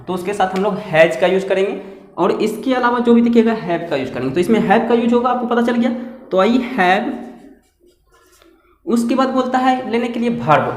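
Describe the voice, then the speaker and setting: A man teaching English grammar at a board, repeating points and putting questions to his class. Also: high-pitched. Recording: echoey room with long reverb.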